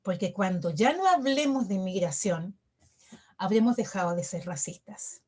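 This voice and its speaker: A woman professor giving a lecture in an online talk, measured and emphatic, building her points through lists and rhetorical questions. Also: medium pitch, lively intonation, darkish tone. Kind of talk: academic lecture, reflective.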